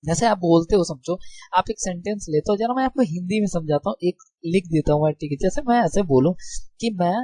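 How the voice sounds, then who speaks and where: He has a high, mellow voice, brisk and lively in intonation, recorded without echo. In a relaxed, friendly classroom style, the young man explains grammar, repeatedly asking rhetorical questions and confirming students understand.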